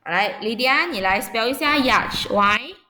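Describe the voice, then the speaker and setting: Bright-voiced woman teaching kids. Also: fairly high pitch, expressive, a little slow. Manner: spells words out letter by letter; checks on pupils often, patient and coaxing. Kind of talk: online vocabulary lesson for children.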